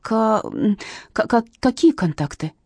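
A woman's voice: mid-range voice, lively intonation, fairly quick, mellow, husky, no echo, clean studio sound, voice pushed up. A woman voicing a timid young female artist who stammers and hesitates when questioned. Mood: flustered.

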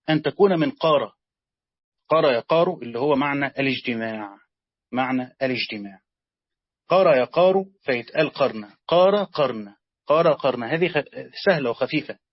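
A man with an Egyptian accent teaching a lesson, explaining slowly, repeating words and quizzing his students. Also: fairly high pitch, husky, no room sound. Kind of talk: classroom lesson on Quranic grammar. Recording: dull lo-fi sound, dry.

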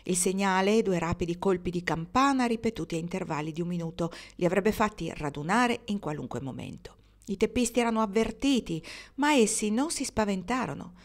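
A woman audiobook reader narrates a literary novel aloud in a mid-range voice, measured and expressive.

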